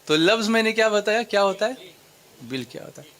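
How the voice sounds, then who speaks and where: A man's voice: sits high, animated, fairly bright tone. Direction: a man preaching with a raised voice. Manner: explanatory, quizzes the audience, repeats phrases for emphasis; mixes English words and phrases into his speech. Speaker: Islamic preacher. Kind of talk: sermon lecture to a gathering.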